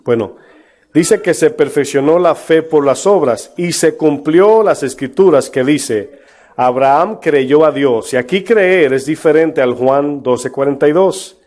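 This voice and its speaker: A man's voice: a little high, unhurried, a little mellow. A man preaching a sermon as pastor, emphatic, with rhetorical questions to his congregation. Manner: mocks false prophets in a put-on voice.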